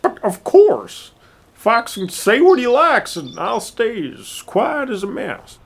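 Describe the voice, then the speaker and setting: A squawky, high rooster. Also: male voice, huge pitch swings, vocal fry, slight background noise, heavily acted. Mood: meek. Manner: squawky, drawn-out, theatrical. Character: boastful proud male rooster. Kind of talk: storybook character voice.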